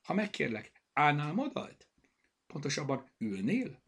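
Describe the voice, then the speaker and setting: A man's voice: fairly high pitch, big pitch swings, a bit bright, breathy edge, pitched above the performer's own voice, exaggerated voice. A man voicing a young girl in a children's storybook, worried and eager. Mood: hopeful.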